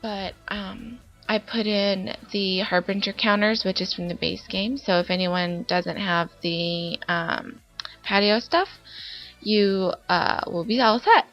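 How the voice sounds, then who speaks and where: Speaking slowly at a medium pitch, a young Sims YouTuber talks over footage of her build while stuffed up from a summer cold. She chats and rambles, leaning heavily on fillers, in a dull lo-fi recording with faint music behind it.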